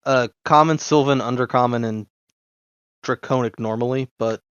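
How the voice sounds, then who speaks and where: A man at mid pitch, eagerly explaining game rules to the group. The sound is dry and close, and the microphone is dull and lo-fi. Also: moderate pace, clean tone, no room sound. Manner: eager, rule-explaining talk. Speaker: player. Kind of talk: tabletop game chat.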